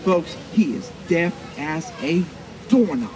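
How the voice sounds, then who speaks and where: A man's voice: on the high side, big pitch swings. Grandiose, swooping flea circus showman. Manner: mock-formal, addressing onlookers as ladies and gentlemen; dramatic drawn-out emphasis on key words. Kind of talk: theatrical carnival barker patter to a live audience. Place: live public show at a community event. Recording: live event with crowd noise behind. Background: audience crowd.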